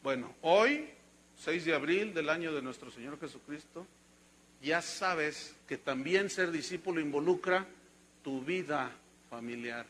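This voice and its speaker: A man's voice: a little high, animated, measured pace, fairly bright tone, a little hiss or hum. A man with a Mexican Spanish accent preaching a sermon as pastor, conversational and teasing, then emphatic.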